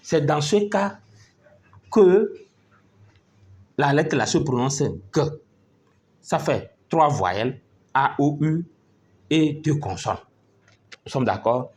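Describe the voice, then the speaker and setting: Male teacher for a phonics lesson: patient, slow and deliberate, voice set a little high, spells out syllables and checks that the class is following. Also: animated, a little mellow.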